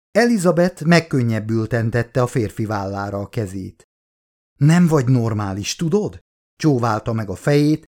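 A man reading his own novel aloud as an audiobook, in a steady, measured way. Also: mid-range voice. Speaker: author reading own book. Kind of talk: audiobook narration.

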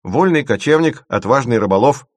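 An excitable, joking boy who gets carried away, as a man plays him. The voice is raised above the reader's own and lively. Close, dry sound. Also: medium pitch, normal speed, no room sound, pitched above the performer's own voice, lightly acted. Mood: excited. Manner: exclamatory, enthusiastic. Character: excitable boy, enthusiastic joker.

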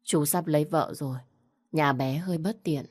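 Weary young widow in a storybook, restrained and low, voiced by the narrator. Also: female voice, moderate pace, slightly rough. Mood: tender.

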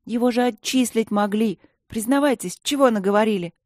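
A small bespectacled student girl with a high, earnest voice, as a man puts her on. She speaks with stubborn sincerity, recorded close and dry for an audiobook. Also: steady tone, moderate pace, a little mellow, no room sound.

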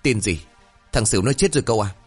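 A ruthless young master, played by a male narrator, barking short, commanding questions. His voice jumps sharply in pitch when he is shaken. Faint music sits underneath. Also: animated, quick pace, a little mellow, breathy edge. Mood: harsh. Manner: curt, commanding. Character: harsh young master, ruthless wife-killer.

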